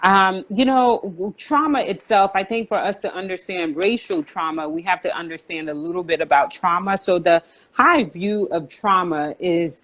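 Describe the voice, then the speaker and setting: A woman in her forties, born in Haiti, calmly explaining things as a guest counselor in a conversational interview, with frequent fillers. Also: lowish voice, moderate pace, hardly any pauses. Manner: calm, explanatory, with frequent "um" and "you know".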